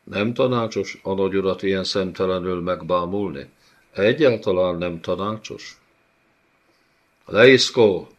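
Low-voiced male audiobook narrator, measured, descriptive, muffled lo-fi sound. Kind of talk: scripted fantasy narration.

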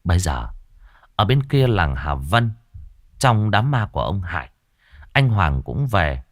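A man tells a ghost story in a dramatic, expressive way. His voice is low, but it rises and falls with great animation. The recording is dry and close. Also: unhurried, dry recording.

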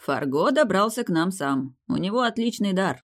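A woman voicing a wry male academy rector who is a shapeshifter, speaking calmly and teasingly in an audiobook. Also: mid-range voice, moderate pace. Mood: explaining. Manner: calm, teasing, matter-of-fact. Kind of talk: audiobook character reading.

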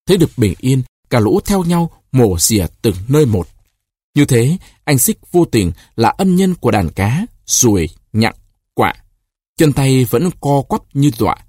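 Guy narrating a short story, husky voice, dry close sound. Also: mid-range voice, no echo. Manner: expressive, deliberate reading.

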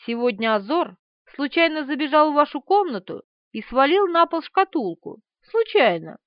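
Brief: haughty emphatic young woman, read by a woman, audiobook, animated pitch, dry close mic. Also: moderate pace, no echo. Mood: sorrowful. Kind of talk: audiobook character voice. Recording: slightly dull, dry.

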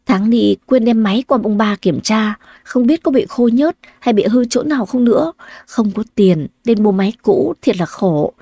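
A woman's voice: fairly high pitch, lively intonation, moderate pace, dark tone, no room sound, clean studio sound. Woman voicing a desperate young river vendor. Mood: worried muttering. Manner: muttering, desperate. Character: hardworking young woman boat vendor, devoted.

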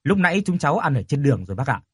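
A man's voice: fairly high pitch, very animated, rapid-fire, a bit bright, husky, heavily acted. A man voicing a friendly, polite young man who reassures others and calls out boldly.

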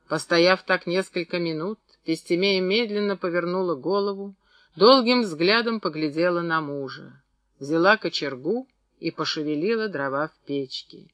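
Male audiobook reader, high and bright, dry close sound, measured literary reading. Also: no room sound. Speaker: audiobook narrator. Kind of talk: scripted narration.

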